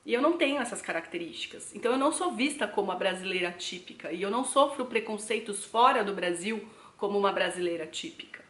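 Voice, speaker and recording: A young Brazilian travel vlogger speaks quickly, with hardly any pauses, in an animated mid-range voice with a fairly bright tone and a Brazilian Portuguese accent. She chats reflectively to her viewers in a casual vlog, addressing them directly as "gente." The room echoes.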